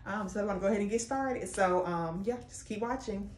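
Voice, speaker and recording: A woman's voice: medium pitch, a little fast, a little mellow, a little hiss or hum. A woman doing a casual DIY how-to vlog, chatting and explaining each step while her voice echoes around a bare bedroom. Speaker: DIY vlogger. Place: bedroom with the bed moved away.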